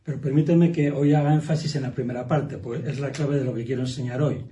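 A man's voice: medium pitch, steady tone, a little fast, mellow. A male pastor preaching in a sermon, explaining points emphatically and repeating phrases for stress. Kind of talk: sermon teaching. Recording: roomy echo, from far off the mic.

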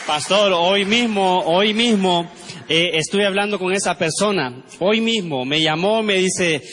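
Fervent high bright-voiced man pastor. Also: unhurried, faint music behind. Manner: fervent, repeating phrases, frequent amens. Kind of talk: church testimony. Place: church service.

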